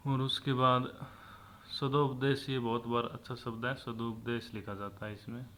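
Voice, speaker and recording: Male teacher, steady and even delivery, little pitch movement, walks students through spellings. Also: moderate pace, a little hiss or hum. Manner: steady explaining tone, often addressing listeners as friends. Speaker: Hindi exam teacher. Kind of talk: spelling lesson for exam aspirants.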